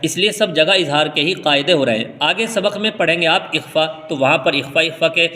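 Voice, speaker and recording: A man from India teaching Quran reading, spelling out letters slowly and then explaining the rules quickly. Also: a little high, sharp tone, in a large hall. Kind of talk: step-by-step recitation lesson.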